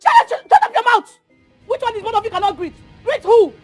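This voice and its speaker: A Nigerian woman acting a brash, quarrelsome village woman in a film drama, sharp-tongued and repeating her words. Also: very high voice, fast, faint music behind. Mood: scornful, angry.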